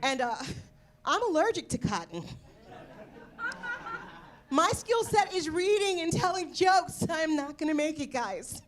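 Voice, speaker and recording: A woman's voice: high-pitched, expressive, unhurried, pauses often. A woman performing a stand-up comedy set with a wry, punchy delivery. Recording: played clip of a stage show.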